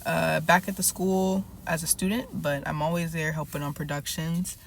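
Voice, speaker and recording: A woman's voice: low voice, flat delivery, normal speed, creaky, slight background noise. A woman in her twenties, a recent graduate and producer, introducing herself in an easygoing, chatty way. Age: 20s. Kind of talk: casual self-introduction.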